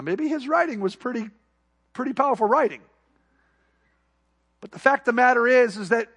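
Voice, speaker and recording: A male pastor preaching a sermon to his church, building to emphatic peaks and dropping to quiet, soft asides. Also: high voice.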